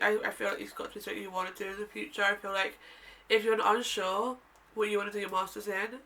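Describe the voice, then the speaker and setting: A twenty-something vlogger from the UK chats away to camera while seated, drifting between thoughts and correcting herself. She has a bright, forceful mid-range voice that sounds nasal and bunged up. The mic is placed at a distance, picking up faint room ambience.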